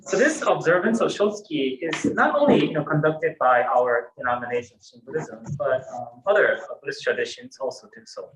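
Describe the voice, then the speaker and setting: A man, a Buddhist minister giving a gentle, reflective dharma talk in a temple hall. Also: on the high side, animated, a little fast, few pauses, a little hiss or hum. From Japan. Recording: roomy temple hall echo.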